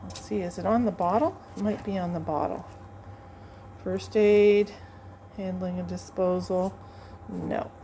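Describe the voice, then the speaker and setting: A woman's voice: mid-range voice, steady tone, unhurried, pauses often, dark tone, slight background noise. A woman instructor demonstrating a lab procedure to students, chatting and thinking aloud as she works, sometimes moving away from the mic in a teaching lab.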